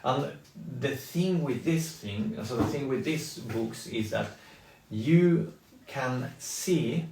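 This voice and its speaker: A middle-aged man from Spain, chatting casually and haltingly on a live stream, with many ums and restarts. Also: mid-range voice, expressive, darkish tone, a little hiss or hum. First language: Spanish. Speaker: toy designer on a live stream. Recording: echoey room, mic at a distance.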